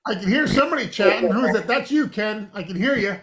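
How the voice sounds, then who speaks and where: A man's voice: high-pitched, expressive, fast, a crowd in the background. A man hosting an online business presentation, upbeat and salesy, laughing easily as he walks through a plan. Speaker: host presenting a compensation plan. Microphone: video call.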